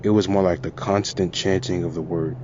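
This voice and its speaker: Deep-voiced man narrating a horror story. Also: fairly even intonation, fairly quick, darkish tone, slight background noise. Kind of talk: first-person horror narration. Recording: lo-fi with music and crowd sound.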